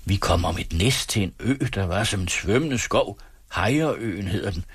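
A man's voice: fairly low pitch, expressive, breathy edge, no room sound. A man voicing an eager middle-aged husband who enthusiastically points out the sights of his new town. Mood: boastful.

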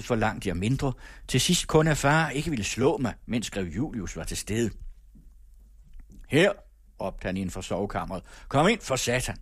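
A man reading a literary novel aloud in a measured storytelling manner. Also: medium pitch, dry recording, studio quality. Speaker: audiobook narrator.

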